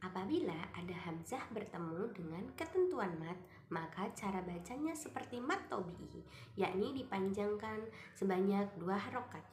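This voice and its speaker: A woman, a student, explaining recitation rules step by step and drawing out the example words slowly. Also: medium pitch, lively intonation, darkish tone. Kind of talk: recited tajwid lesson with Quran examples. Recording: echoey room, faint music behind.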